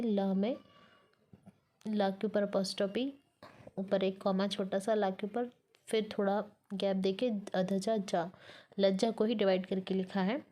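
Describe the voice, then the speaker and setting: A woman lecturer reads a textbook aloud in a slow, deliberate way. Her voice stays level, with little rise or fall, and has a soft, mellow tone. She stops now and then to break words into pieces and explain how they are written. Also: mid-range voice. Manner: slow, careful reading, breaking words apart to explain spelling.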